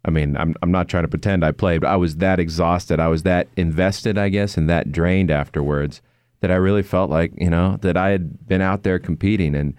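Middle-aged sports announcer, man, deep and resonant, earnest and reflective as an interview guest. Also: fairly even intonation, a little fast, darkish tone, clear, resonant tone, no echo, clean studio sound. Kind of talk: conversational interview.

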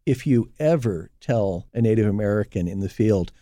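A man's voice: lowish voice, animated, normal speed, dark tone, no room sound, studio quality. An older man, an archaeology professor, talking earnestly in a casual interview and telling stories. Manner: earnest, storytelling, quotes himself.

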